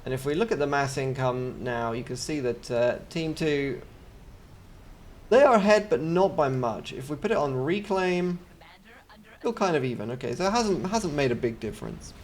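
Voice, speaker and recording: A man's voice: medium pitch, expressive, normal speed, a little hiss or hum. An English man casting a strategy video game in a chatty way, with joking asides between the play-by-play. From England. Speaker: game caster.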